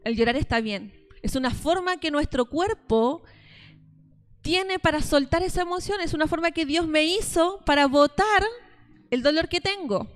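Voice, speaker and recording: Here a woman's high, animated voice moves at a moderate pace. She is a Chilean preacher in her thirties sharing her testimony with a women's church group, weaving in stories and speaking to her audience directly as sisters.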